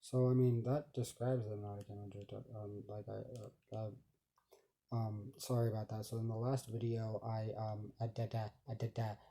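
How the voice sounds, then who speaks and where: A man talks into his camera in a rambling vlog and keeps stumbling over words. His voice is very dark and mellow. He keeps his pitch flat and fills every gap with ums. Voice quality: halting speech with many stumbles and restarts. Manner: rambling, heavy filler words. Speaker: vlogger. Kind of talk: casual self-recorded monologue.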